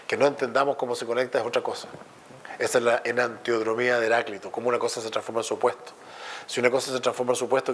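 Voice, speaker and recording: A man with a Chilean accent giving a public lecture, telling lively stories and jokes. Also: medium pitch, a little hiss or hum. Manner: lively storytelling with jokes and acted dialogue.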